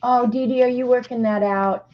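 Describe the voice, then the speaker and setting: Opening mail live on stream, a woman in her sixties chats casually, thinking aloud and laughing frequently. Her fairly high voice moves at a moderate pace with fairly even intonation. The stream audio is lo-fi and slightly dull.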